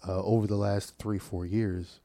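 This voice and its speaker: A man co-hosting a casual talk show, telling stories in an animated, profane way with restarts. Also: lowish voice, measured pace, dry recording. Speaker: podcast co-host. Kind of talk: casual chat.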